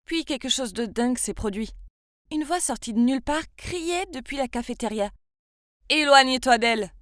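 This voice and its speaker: A woman's voice: high voice, animated, normal speed, no echo, clean studio sound. A woman in her twenties from France, narrating her own story in the first person with a confiding, emotional manner. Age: 20s.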